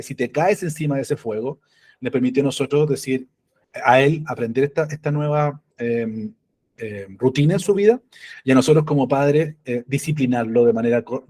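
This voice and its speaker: A man's voice: medium pitch, a little mellow. A middle-aged man, giving a conversational church parenting talk and often checking in with the audience. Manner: tells personal stories with playful humor.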